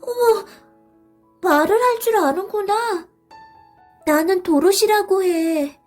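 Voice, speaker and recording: Figure: young girl, curious, gentle. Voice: high, childlike, full of wonder, played by a woman. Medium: storybook. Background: faint music. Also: slow pace. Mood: amazed.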